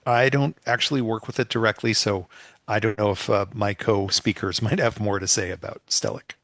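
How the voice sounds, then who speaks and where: A man's voice: lowish voice, steady tone, moderate pace, fairly bright tone, dry recording. Plain-voiced man, dry close sound. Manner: plain explanatory, some fillers. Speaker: computer science major advisor. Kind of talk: online info session explanation.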